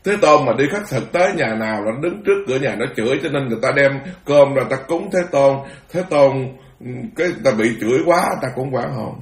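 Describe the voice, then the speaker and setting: Man, Buddhist monk, animated storytelling sermon, laughing asides, roomy echo. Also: mid-range voice, brisk, hardly any pauses. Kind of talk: dharma talk storytelling.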